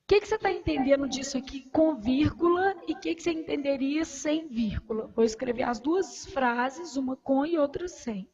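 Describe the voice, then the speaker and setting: A woman with a Brazilian Portuguese accent teaching grammar, asking the class questions and answering them herself, and counting syllables aloud slowly. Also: sits high, a little mellow, dull audio. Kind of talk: recorded grammar lesson.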